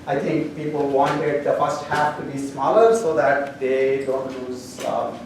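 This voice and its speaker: Indian-accented professor in an echoey hall. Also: male voice, medium pitch, fairly even intonation, unhurried, a little hiss or hum. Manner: rambling, many fillers, dry humor. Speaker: university professor. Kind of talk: classroom announcements. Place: lecture hall. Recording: echoey lecture hall from a distant camera.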